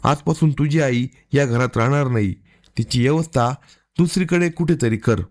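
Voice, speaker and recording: A man's voice: medium pitch, normal speed, darkish tone, close to an everyday voice. A man voicing a stern, angry husband in a narrated crime story. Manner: harsh, commanding.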